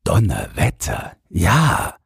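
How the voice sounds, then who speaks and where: A man plays a gruff but gentle older man who coaxes with slow, friendly questions. The voice is deep and husky, unhurried, and recorded very close and dry. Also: wildly swooping pitch, no room sound, exaggerated voice. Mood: coaxing. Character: kindly older man with a rabbit basket. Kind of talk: audiobook character voice.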